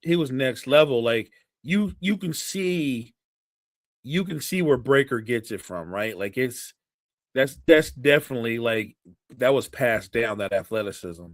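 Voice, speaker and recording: A man co-hosting a podcast in casual chat, talking haltingly with many restarts and fillers. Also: medium pitch, expressive, no room sound. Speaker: podcast co-host. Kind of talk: casual chat about wrestling.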